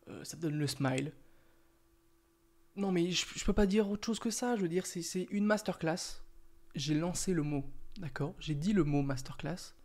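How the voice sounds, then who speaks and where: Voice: mid-range voice, a little mellow. A young adult video reviewer talking in a casual, playful, slangy way.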